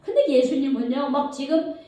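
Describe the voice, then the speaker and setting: A woman's voice: sits high, expressive, moderate pace, warm tone. A woman preacher giving a sermon, telling a story vividly and quizzing the congregation as she goes. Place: church sanctuary. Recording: echoey hall, mic from far off.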